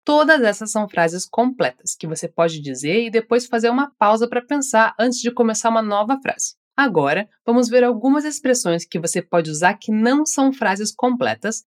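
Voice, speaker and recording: A woman with a Brazilian accent teaching English, giving slow, carefully articulated model phrases for learners to repeat. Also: a little high. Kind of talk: scripted language lesson.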